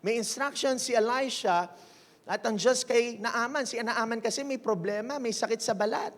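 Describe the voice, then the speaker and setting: A man preaching as senior pastor in a church, energetic and mixing English into his sermon while calling on the congregation to respond. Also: extremely high pitch, normal speed, big-room sound. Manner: energetic, mixes English into Tagalog, keeps asking the church to respond. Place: church sanctuary.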